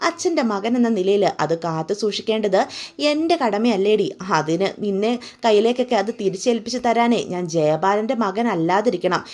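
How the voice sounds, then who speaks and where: A woman's voice: medium pitch, animated, normal speed, a little mellow, natural voice. A woman voicing a spiteful young man who has kidnapped a girl, speaking angrily. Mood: angry, taunting. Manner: angry, taunting.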